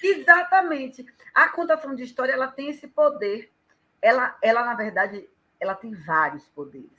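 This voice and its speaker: A woman with a Brazilian Portuguese accent, an educator talking on a live stream and explaining things in an animated way. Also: sits high, normal speed, poor audio. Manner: animated, acts out quoted speech vividly.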